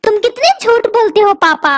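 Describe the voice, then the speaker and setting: Squeaky mischievous cartoon boy, teasing and cheeky, a woman voicing him. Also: expressive, normal speed, slight background noise. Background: background music.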